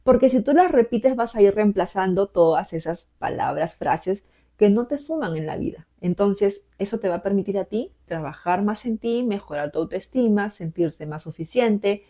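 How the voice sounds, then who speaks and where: A woman life coach giving a motivational talk to camera in a gentle, encouraging way, asking many rhetorical questions. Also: medium pitch, lively intonation, moderate pace.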